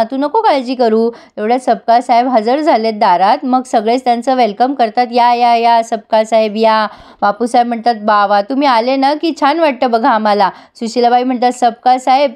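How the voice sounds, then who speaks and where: A woman narrating a TV serial recap to her viewers, retelling each character's lines herself in a lively storytelling way. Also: a little high. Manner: retells dialogue in character, addresses viewers directly.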